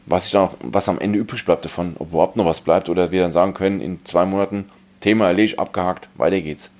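A man's voice: low voice, fairly even intonation, quick pace, darkish tone. A man co-hosting a casual tech podcast, explaining in a matter-of-fact way. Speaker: podcast co-host.

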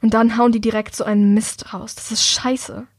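A woman's voice: on the high side, little pitch movement, moderate pace, slightly rough, no room sound, studio quality. A woman narrator voicing a hurt, blunt young man who speaks emphatically. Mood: earnest.

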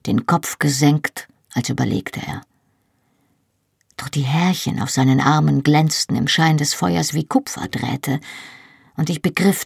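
A woman's voice: low voice, vocal fry, breathy edge, dry recording, clean studio sound. A woman reading a first-person novel aloud as an audiobook, with an emotional, dramatic delivery. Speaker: audiobook narrator.

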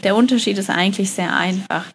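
Gentle woman giving a self-love talk. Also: mid-range voice, brisk, a little hiss or hum. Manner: gentle, affirming, repetitive phrasing with many "ja" fillers; addresses the listener directly as "du". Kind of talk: motivational self-love monologue.

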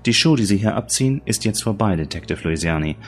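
A man's voice: fairly low pitch, animated, fast, husky. A man voicing a slick male corporate lawyer who speaks coolly and businesslike. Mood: curt. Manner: cool, businesslike.

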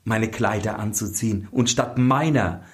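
A man with a fairly low, natural voice, speaking unhurriedly, plays an ugly, scheming young woman posing as a false bride. She is short-tempered and haughty, scolding in a shrill way.

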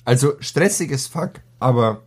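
A teenage boy chatting casually as a podcast co-host, telling a school story in slangy, animated fashion. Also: medium pitch, unhurried, husky. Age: teens. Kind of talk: casual chat.

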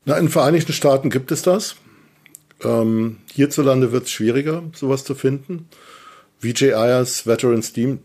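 A man's voice: mid-range voice, darkish tone. A man, an interviewed expert, answering spontaneously and thinking aloud with fillers.

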